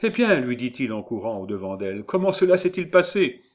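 Pushy young student read by a man, loud and impatient, audiobook. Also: lowish voice, moderate pace, natural voice. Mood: eager. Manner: loud, insistent, exasperated. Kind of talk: audiobook character reading.

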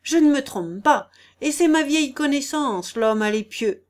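A woman's voice: high voice, lively intonation, measured pace, voice pushed up. A woman voicing a bold, mocking male nobleman who speaks in a teasing, self-assured way.

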